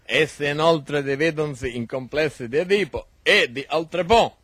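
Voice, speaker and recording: A pompous, gloomy professor giving a nonsensical lecture in a radio comedy sketch. His voice sits fairly high for a man and is husky, recorded close and dry. He speaks in solemn, garbled pseudo-scholarly phrases. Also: fairly bright tone, no room sound. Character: gloomy pompous pseudo-academic male professor, absurdly muddled.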